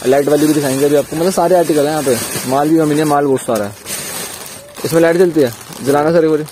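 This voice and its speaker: Eager young man showing wares, fast. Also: fairly high pitch, dark tone, slight background noise. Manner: eager, repeats praise, addresses viewers as friends. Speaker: YouTube business vlogger. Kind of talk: enthusiastic product showcase vlog. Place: crowded wholesale shop.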